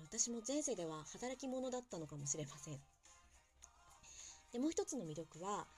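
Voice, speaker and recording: A young woman talks on her own in a casual, chatty way, poking fun at herself as she goes. Her pitch swings widely and stays animated. Soft music sits faintly in the background. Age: young adult. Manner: chatty, self-deprecating, lively asides. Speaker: podcast host. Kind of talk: casual solo talk about a TV drama.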